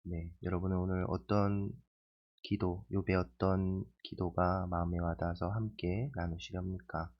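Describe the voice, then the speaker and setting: A low-voiced man with a gravelly edge, chatting through a daily Bible reflection. He talks at an easy pace with pauses and fillers. The recording sounds a bit dull and lo-fi. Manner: relaxed, conversational, with pauses and fillers. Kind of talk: casual spoken Bible reflection.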